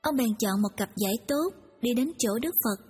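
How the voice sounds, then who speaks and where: Woman storyteller, husky, higher voice, echoing hall, soft music. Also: expressive, normal speed. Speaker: narrator. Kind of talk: storytelling narration. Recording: reverberant hall, music behind.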